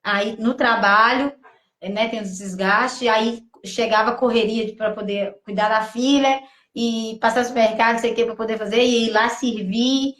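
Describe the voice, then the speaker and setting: A woman from gives an emotional personal testimony, halting and full of restarts as she quotes her own thoughts. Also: a little high, fairly even intonation, fairly bright tone. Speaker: testimony guest. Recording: echoey room.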